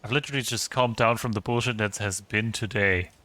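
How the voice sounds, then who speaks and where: A man's voice: lowish voice, fairly quick, pushed and bright. A man giving casual, rambling commentary while streaming a video game, swearing casually. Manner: chatty, rambling, swears casually, many restarts.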